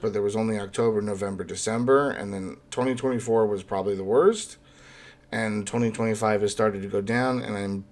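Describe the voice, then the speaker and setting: A man in a casual political discussion, speaking in a halting way and often correcting himself. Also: lowish voice, darkish tone.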